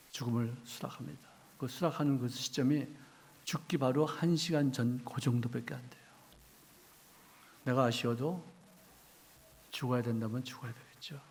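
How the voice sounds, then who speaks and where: A middle-aged man delivers a sermon in a mid-pitched voice. He acts out the people he quotes and puts questions to the congregation. His delivery swings from loud bursts down to near-whispers. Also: creaky. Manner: quizzes the congregation. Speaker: pastor.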